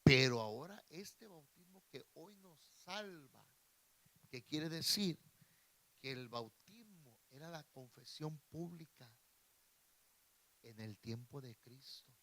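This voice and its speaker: A man from Mexico preaching to his church in a bright, forceful voice set a little high. He takes his time, lingering on words, then punches phrases out loud before dropping back to near-murmured asides. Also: lively intonation, slow pace. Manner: preaching with sudden loud emphatic bursts and quiet asides. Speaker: pastor. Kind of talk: sermon.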